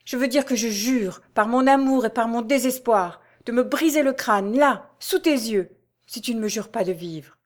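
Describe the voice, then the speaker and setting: A woman's voice: on the high side, normal speed, voice pushed up, lightly acted. This is a passionate young nobleman in an audiobook, voiced by a woman reader. He pleads and exclaims in a raised, pushed voice, urgent and desperate. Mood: pleading. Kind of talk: audiobook character voice.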